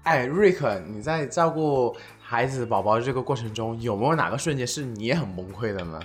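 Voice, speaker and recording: A man's voice: medium pitch, lively intonation, normal speed, faint music behind. A man hosting a casual podcast chat, asking the guests questions and laughing along. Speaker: host.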